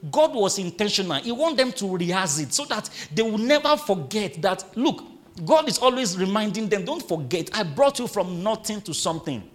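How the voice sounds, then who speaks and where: A male pastor preaching a sermon, drawing the congregation into call-and-response and reading scripture slowly with emphasis. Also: high-pitched, big pitch swings.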